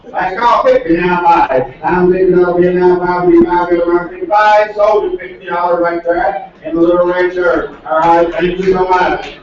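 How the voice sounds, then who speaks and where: A man working as an auctioneer, calling bids in a quick rhythmic chant with folksy asides. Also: high voice, fairly even intonation. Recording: distant echoey lo-fi recording with loud crowd.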